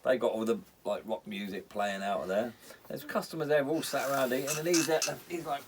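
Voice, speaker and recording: A man's voice: mid-range voice, fairly even intonation, brisk, a loud crowd. A man in casual banter with a teasing, sweary way of talking. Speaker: podcast co-host.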